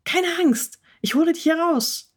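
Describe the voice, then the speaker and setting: An eager, loyal house cat from a children's storybook, voiced by a woman. The voice sits higher than plain speech with a soft, breathy edge, pleading and then insisting. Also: expressive, normal speed. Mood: determined. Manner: pleading, then firmly promising.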